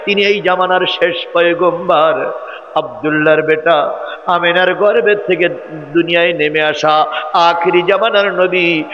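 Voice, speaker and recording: A man preaching a sermon, voicing a grieving elderly mother who is tender and fearful, in a pleading, tearful sing-song. The sound is dull and echoey, as from a loudspeaker at a gathering. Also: fairly high pitch, a little slow, natural voice. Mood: fervent.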